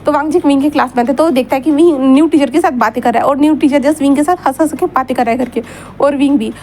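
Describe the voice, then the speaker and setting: Woman storyteller, high voice, chatty and repetitive, faint background hiss. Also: fast talker, a little mellow. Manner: chatty, with repeats and asides to listeners. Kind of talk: narrating a fan story aloud.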